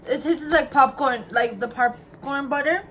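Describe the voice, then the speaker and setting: A young woman tasting snacks with friends, chatting casually and swearing often with loud exclamations. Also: high voice, a little slow, a little hiss or hum. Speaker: snack taster. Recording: background music.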